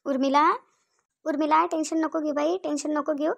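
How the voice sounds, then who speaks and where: A woman playing a fussy middle-aged village mother in a cartoon, speaking with a Varhadi Marathi accent. Her voice is very high, and she repeats herself and keeps tagging her lines with questions. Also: steady tone, fairly quick, gravelly, a bit bright. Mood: soothing. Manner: repetitive, nagging, tag questions.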